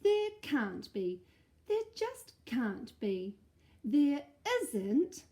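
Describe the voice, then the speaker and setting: A woman's voice: on the high side, sing-song, full character voice. A woman voicing a cheerful mother in a storybook who brushes off her child's fears. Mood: dismissive. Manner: bright, brisk, reassuring.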